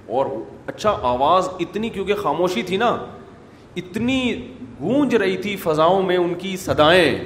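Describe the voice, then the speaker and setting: A man preaching a sermon, telling stories with sharp swings between loud and soft. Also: a little high. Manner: animated storytelling with sharp swings in loudness. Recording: echoey hall with faint noise.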